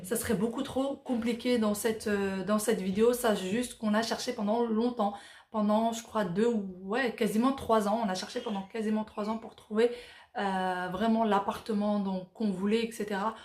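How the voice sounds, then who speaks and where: A woman's voice: medium pitch, fairly even intonation, moderate pace, a little mellow, echoey room. A Moroccan-born woman in her thirties, chatting casually as she reads out viewer questions and answers them with plenty of fillers. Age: 30s. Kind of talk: casual Q&A vlog.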